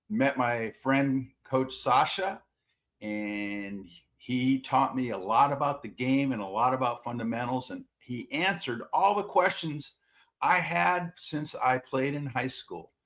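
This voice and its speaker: A man's voice: mid-range voice, fairly bright tone. A man who coaches swimming and water polo, answering interview questions in a plain-spoken, self-deprecating way and repeating words as he gathers his thoughts.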